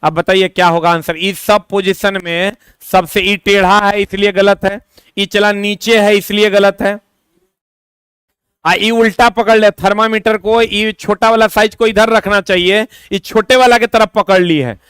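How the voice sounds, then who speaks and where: Preparing students for an exam, a high-pitched male teacher talks chattily, repeats points and tosses in brief asides, his pitch barely shifting. His fairly bright voice is recorded close, dry, smooth and clear, with no echo.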